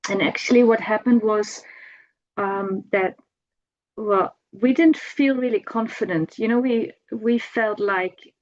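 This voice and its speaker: In a dull, lo-fi recording, a middle-aged woman pays personal homage as a devotee, recalling a memory informally. Her voice, of ordinary female pitch and a little mellow, falters as she searches for words and repeats phrases.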